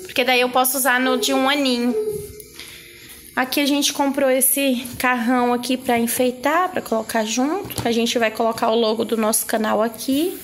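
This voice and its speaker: A woman's voice: sits high, steady tone, moderate pace, slight background noise. A young Brazilian mother in a casual home vlog, talking to her baby son in affectionate baby talk and cooing questions at him. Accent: Brazilian Portuguese. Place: family home, indoors.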